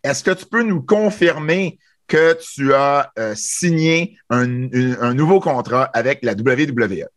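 A man's voice: medium pitch, unhurried, fairly bright tone, dry recording, clean studio sound. A man, co-hosting a casual podcast chat, talkative with lots of fillers and restarts. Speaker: podcast co-host.

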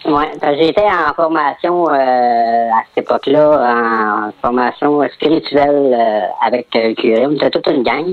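A man calling into a talk show, his voice run through a modifier that disguises it. He speaks, slowly and hesitantly, full of pauses. The sound is dull and dry, with no room around it. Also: medium pitch, no room sound. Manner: hesitant, many filler pauses. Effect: electronically altered disguising voice. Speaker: caller. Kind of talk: confessing on a call-in talk show.

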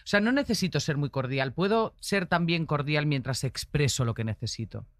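A woman talks as a guest, her pitch swinging widely as she tells a story. She sounds sure of herself and playful. The sound is dry and close. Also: normal speed, no room sound. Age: 40s. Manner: assured storyteller, animated and playful. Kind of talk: casual chat.

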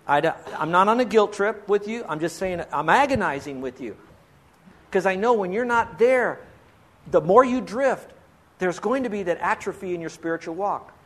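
A male pastor with a notably high voice delivers a sermon. He pleads earnestly and leans on rhetorical questions to press his point. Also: expressive, moderate pace.

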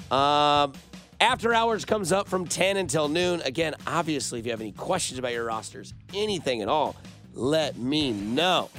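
A male sports radio host talking fantasy football picks in an animated, opinionated way, chatting directly with listeners. He speaks from a studio microphone with his voice pitched a bit high, and faint music sits underneath. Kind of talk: fantasy football advice show.

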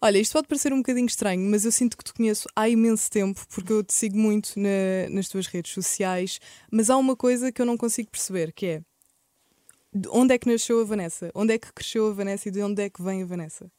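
A woman's voice: mid-range voice, fast talker, warm tone, no echo, clean studio sound. A woman with a European Portuguese accent interviewing a guest in a friendly way, prompting with questions. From south bank of Lisbon, Portugal. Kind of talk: casual interview chat.

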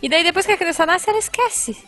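A woman's voice: very high-pitched, animated, fast talker, pushed and bright. A woman with a Brazilian Portuguese accent, co-hosting a casual podcast, who chats and reacts with exclamations and jokes. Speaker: podcast co-host.

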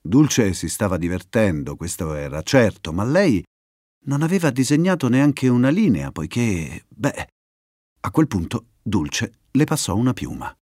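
A man reading a children's story aloud as its narrator, in an expressive storytelling way. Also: on the low side, unhurried, no room sound, studio quality.

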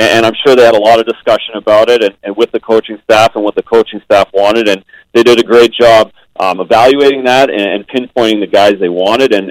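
Male phone-in analyst, low-ish voice, dry phone line, measured with ums. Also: no room sound. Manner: measured, frequent ums and restarts. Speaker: guest analyst, former goaltender. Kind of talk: phone-in radio interview.

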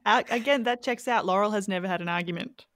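An Australian woman co-hosting a podcast, chatting in a wry, teasing way with quick asides. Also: mid-range voice, a bit bright, no room sound, clean studio sound. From Brisbane, Australia. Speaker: podcast co-host. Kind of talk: casual chat.

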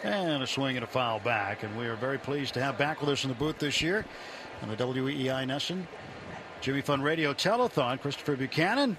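A man calling baseball play-by-play live from a broadcast booth, speaking in measured short phrases between conversational remarks. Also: mid-range voice, animated. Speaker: baseball radio play-by-play announcer. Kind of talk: live sports commentary mixed with booth interview. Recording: ballpark booth with clear outdoor background noise.

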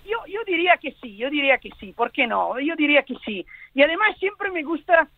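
A man's voice: extremely high pitch, animated, fairly quick, dry recording. A man from Italy with an Italian accent, a guest author speaking in a casual radio interview, thoughtful and hedging with many restarts. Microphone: phone line. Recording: tinny phone line.

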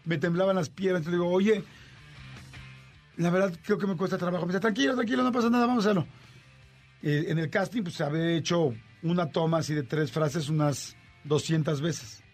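A man's voice: a little high, normal speed, soft background music. A man with a Mexican Spanish accent, a radio host and voice actor, telling a story in casual chat and acting out the dialogue. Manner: animated, acts out dialogue with shifting voices.

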